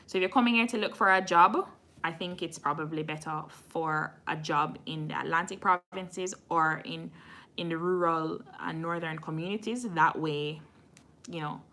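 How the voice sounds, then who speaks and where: A forceful, bright tone comes through in this woman's low voice. Hosting a relaxed live stream for her immigration channel, the Jamaican host responds candidly to viewers and owns up when she lacks an answer.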